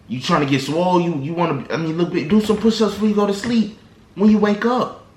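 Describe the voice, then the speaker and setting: A man with a high voice talks a little fast, his intonation fairly even. He's a vlogger giving viewers casual, slangy motivational advice to camera, rambling loosely and restarting often. The room he's recording in is echoey.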